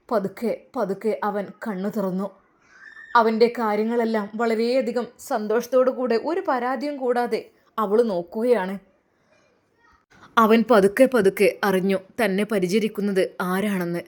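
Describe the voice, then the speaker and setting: A woman narrating an emotional family story in an earnest, dramatic way. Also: mid-range voice.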